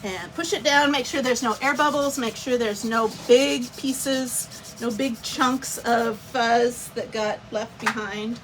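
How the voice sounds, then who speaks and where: A woman's voice: a little high, fairly even intonation, takes it slowly, background noise. Chatty woman teaching a craft live. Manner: chatty, greets viewers by name mid-demo. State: has the hiccups. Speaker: craft instructor.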